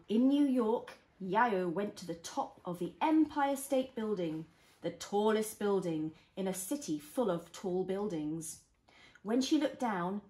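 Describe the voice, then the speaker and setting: A woman reads a picture book aloud as a mother does to a toddler. She is expressive, explaining things simply and prompting with small questions. Her mid-pitched voice rings slightly in a roomy home space. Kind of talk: reading a storybook aloud to a young child. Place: indoors, small living room at home. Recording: roomy echo of a home room.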